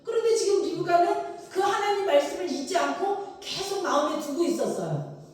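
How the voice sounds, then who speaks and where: A woman pastor delivers a sermon, high-pitched and swinging widely in tone as she acts out voices in her story. She is heard from a distance in a big church hall with a long, booming echo. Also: normal speed. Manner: animated storytelling, acting out quoted lines with big pitch swings. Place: church sanctuary. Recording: echoey hall picked up from far off.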